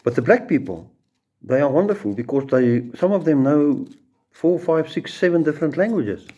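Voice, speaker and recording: Warm, animated and moderately paced, this fairly high-pitched voice belongs to a middle-aged South African judge with an Afrikaans accent. His informal law lecture is packed with courtroom anecdotes, and he frequently repeats words and starts over.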